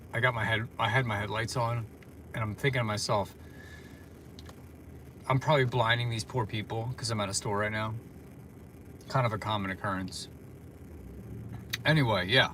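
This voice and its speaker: A man's voice: fairly low pitch, fairly bright tone, a little hiss or hum. A tired man chatting casually on a livestream from his parked car, rambling with lots of fillers. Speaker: vlogger.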